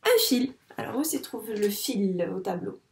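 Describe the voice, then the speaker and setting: A French first-grade teacher with a mid-range, expressive, slightly mellow voice gives a young child a patient phonics lesson, with slight background noise. Slowly and syllable by syllable, she stretches out each word.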